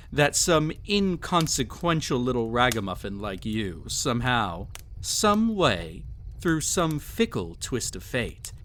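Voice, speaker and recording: A man plays a vain, possessive, cruel emperor toying with a captive in an intimate audio roleplay, using teasing, theatrical, haughty phrasing with an air of haughty amusement. His voice is medium-pitched and fairly bright, with a little hiss or hum on the recording.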